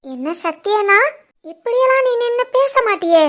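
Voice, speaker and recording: Giggly teasing little sister in a cartoon, a woman voicing her, super high voice. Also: sing-song, normal speed, fairly bright tone, faint music behind, exaggerated voice. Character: teasing playful young sister.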